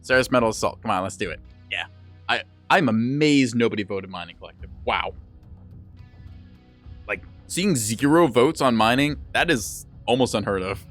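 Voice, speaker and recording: A man's voice: moderate pace, faint music behind. A man streaming a mech game, chatting casually and rambling as he plays, his voice starting to tire. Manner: chatty, rambling, lively pitch. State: voice starting to give out. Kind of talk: gameplay commentary.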